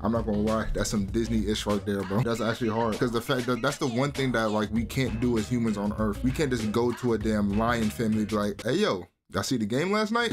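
A man hosting a let's play, talking casually in a rambling, slangy way. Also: mid-range voice. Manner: rambling, slangy, keeps saying "bro". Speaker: gaming channel host. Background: game music.

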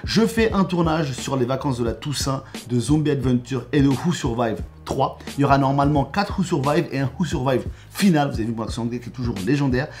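A man's voice: medium pitch, a little mellow. A man hosting his own tabletop gaming channel, running through upcoming plans in a casual update. He talks with eager enthusiasm, often restarting his phrases. Faint music plays behind him. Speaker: YouTube host and game master.

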